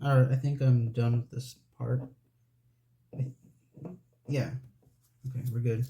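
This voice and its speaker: A man's voice: mid-range voice, flat delivery, measured pace. A man in his late twenties chatting casually while building a model set, rambling, laughing at himself, breathing audibly into the mic. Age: 20s. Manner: rambling, self-deprecating, laughs often; soft, breathy close-mic talk. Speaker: Lego building vlogger.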